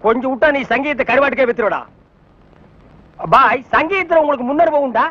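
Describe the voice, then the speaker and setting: A sharp-tongued music teacher who mocks his new pupil. His voice sits very high and sarcastic. The sound is muffled and lo-fi. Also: fast. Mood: teasing. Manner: teasing, sarcastic. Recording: dull lo-fi film soundtrack.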